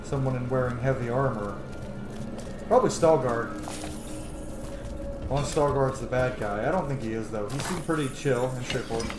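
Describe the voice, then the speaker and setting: Swearing and joking at his own expense, this let's play streamer rambles casually over his game at normal speed, pausing often in a medium-pitched voice. Music plays behind him, and the echoey room carries noticeable background noise.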